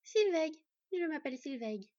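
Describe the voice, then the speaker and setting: A woman's voice: sits high, big pitch swings, moderate pace, voice pushed up. A woman doing a tearful young fox girl. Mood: brightening. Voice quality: soft, sniffling. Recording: dull lo-fi dry recording.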